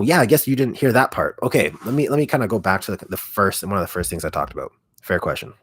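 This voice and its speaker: A man with a deep, raspy voice chatting casually on a livestream, relaxed and rambling, speaking very close to the microphone. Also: dry recording. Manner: relaxed, rambling, heavy use of "like". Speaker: ASMR content creator on a livestream. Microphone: microphone held very close.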